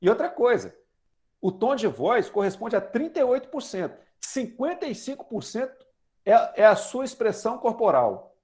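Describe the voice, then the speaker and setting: A Brazilian lay preacher in his forties gives a conversational sermon in a Brazilian Portuguese accent, quizzing the congregation and drawing on everyday examples. His very high, darkish voice swings widely in pitch at a normal speed.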